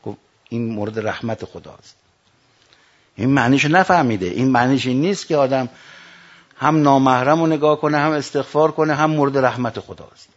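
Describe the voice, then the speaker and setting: A man preaching a sermon, telling stories and quoting sayings, rising to loud emphatic lines and dropping to hushed quotes. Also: medium pitch. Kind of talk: religious sermon with storytelling. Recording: dull lo-fi recording.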